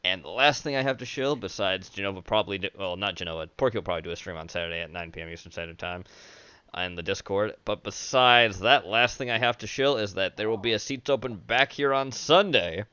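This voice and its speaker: Male livestream host, lowish voice, very dry and a little dull in sound, easygoing sign-off chatter. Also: quick pace, bright, forceful tone, clean tone, dry recording. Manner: casual, profane, rattles off announcements. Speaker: stream host. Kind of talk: casual livestream chat.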